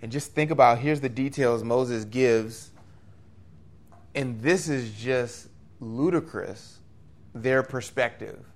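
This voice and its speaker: A man preaching a sermon, his voice at a middling pitch. He talks in an earnest, conversational way, lifting his voice for emphasis and dropping into quick asides. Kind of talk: expository sermon.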